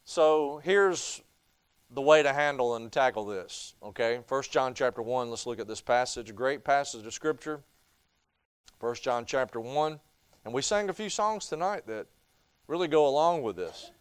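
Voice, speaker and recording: A man's voice: mid-range voice, expressive, normal speed, clear, resonant tone, no echo. A man teaching a church Bible study, telling stories in a folksy way. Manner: folksy storytelling. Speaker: pastor.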